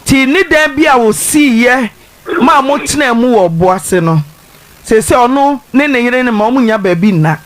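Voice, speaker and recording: High-voiced Ghanaian radio host. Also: male voice, lively intonation, normal speed, fairly bright tone. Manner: setting out the story steadily for listeners. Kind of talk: radio talk show.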